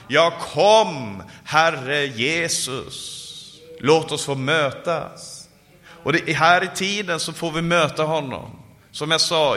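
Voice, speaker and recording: A man preaching a sermon at a summer conference and closing in fervent prayer. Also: bright, forceful tone. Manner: fervent, rising to calls and dropping low in prayer. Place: conference hall. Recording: live sermon in a reverberant hall.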